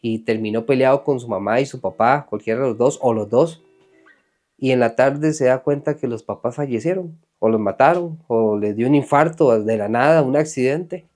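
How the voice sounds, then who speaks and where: A man preaching an earnest, animated sermon who acts out the voices of people he quotes. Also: medium pitch, moderate pace. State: sweating from emotion.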